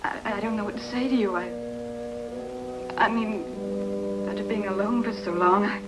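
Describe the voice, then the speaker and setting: A woman's voice: mid-range voice, close to an everyday voice, poor audio. An actress playing a lonely, desperate woman who pleads with her ex on the phone, stammering and crying in 1950s TV drama style. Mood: subdued. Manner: halting, stammering, tearful pleading. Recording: old TV soundtrack with music score. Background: dramatic music score.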